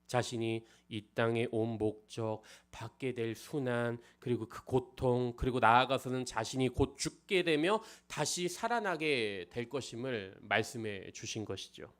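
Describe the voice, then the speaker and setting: A male preacher gives an expository sermon. He keeps asking the congregation questions and moves between loud emphasis and hushed, almost whispered asides. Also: mid-range voice, measured pace, hardly any pauses. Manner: frequent rhetorical questions to the congregation.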